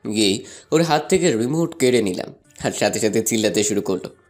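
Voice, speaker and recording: A man's voice: lowish voice, animated, a little fast, soft background music, close to an everyday voice. A young man narrating a first-person love story and voicing a playful, teasing student in an audio drama. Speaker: narrator and lead voice actor.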